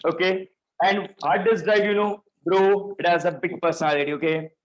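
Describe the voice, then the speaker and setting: A man's voice: high-pitched, fairly even intonation, normal speed, rough recording. Male teacher, storytelling classroom lecture. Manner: storytelling, coaxing, checks understanding often.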